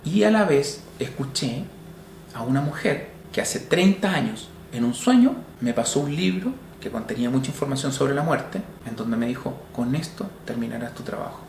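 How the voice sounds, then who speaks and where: Middle-aged Chilean man, slow reflective testimony, gravelly texture, roomy echo. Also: medium pitch, animated, darkish tone, a little hiss or hum. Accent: Chilean Spanish. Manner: slow and reflective, with many pauses and restarts. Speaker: grieving father telling his story. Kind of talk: personal testimony.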